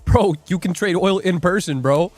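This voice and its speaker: At a moderate pace and in a high voice, a young day trader chats casually on his livestream. He reads viewer comments out loud, joking and rambling as he goes.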